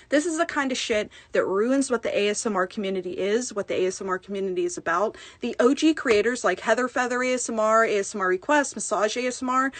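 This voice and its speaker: A woman's voice: mid-range voice, no echo. A woman ASMR creator ranting in an angry call-out, swearing heavily and stumbling over restarts, upset and shaken. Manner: heated, swearing, halting restarts.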